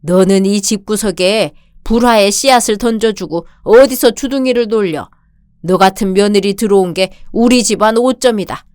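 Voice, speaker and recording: A woman's voice: medium pitch, normal speed, a little mellow, smooth, no room sound, studio quality, lightly acted. Woman reading as a bullying old father-in-law. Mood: contemptuous. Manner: barking insults and orders. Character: domineering older male father-in-law, bullying and contemptuous. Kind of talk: radio drama reading.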